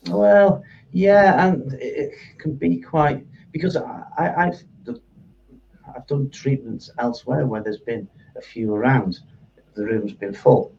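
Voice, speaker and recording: A man's voice: medium pitch, a little slow, vocal fry, darkish tone, recorded from a distance, lo-fi sound, slight background noise. A man speaking as a guest in a casual interview, hesitant and often repeating his words.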